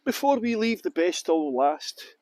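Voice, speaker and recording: A Scottish-accented man from Edinburgh leads a tour group outdoors beside a canal boat lift, offering jokey, playful commentary with mock pronunciations. His high, sing-song voice is a little slow and a little mellow, with no echo.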